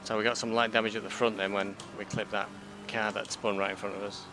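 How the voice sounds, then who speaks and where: A man's voice: fairly low pitch, flat delivery, fast. A man giving casual running commentary on his own sim race as he drives. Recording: car engine noise behind.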